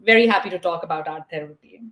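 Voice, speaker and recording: Woman from Pakistan, roomy low-toned webinar voice. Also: rapid-fire, a bit bright, slight background noise. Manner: thoughtful, explains step by step with frequent fillers. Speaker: guest art therapist. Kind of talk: explanatory interview talk. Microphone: video call.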